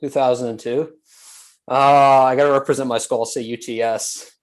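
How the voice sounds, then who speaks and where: Relaxed young man being interviewed. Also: medium pitch, moderate pace, low-quality recording. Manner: relaxed, dry, hesitant. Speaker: student guest. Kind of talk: casual interview answers.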